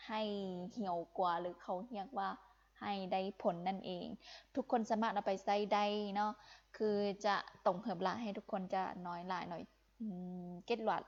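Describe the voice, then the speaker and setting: A woman's voice: mid-range voice, a little mellow, lo-fi sound. A young woman from Laos teaching Vietnamese in a live-streamed lesson, encouraging and repeating phrases for emphasis.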